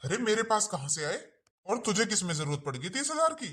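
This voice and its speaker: A woman's voice: mid-range voice, big pitch swings, fairly quick, fairly bright tone. A woman playing a grumbling, stingy elderly father-in-law who lectures in a family drama skit.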